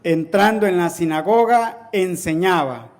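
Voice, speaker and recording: A man reading a Bible passage aloud slowly and carefully, away from the microphone. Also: high voice. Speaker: congregant reading scripture aloud.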